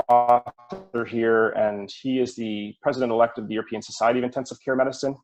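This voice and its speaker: A man presenting medical case data over a video call, talking in a measured way with many fillers, while his audio cuts out and its volume rises and falls unevenly. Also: medium pitch, darkish tone, poor audio. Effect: audio cutting out, uneven volume.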